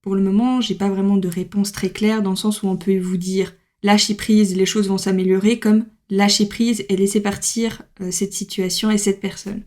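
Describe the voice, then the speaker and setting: A woman's voice: mid-range voice, level tone, normal speed, darkish tone. Chatty woman reading tarot. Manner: chatty, laughing, many fillers. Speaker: tarot card reader. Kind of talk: casual tarot reading to camera.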